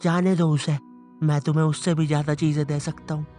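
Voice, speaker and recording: A young man voicing a male balloon monkey invader from a cartoon, who begs in a soft, breathy, wheedling voice. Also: fairly high pitch, level tone, a little fast, soft background music, voice pushed down, lightly acted. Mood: coaxing. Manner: wheedling, begging.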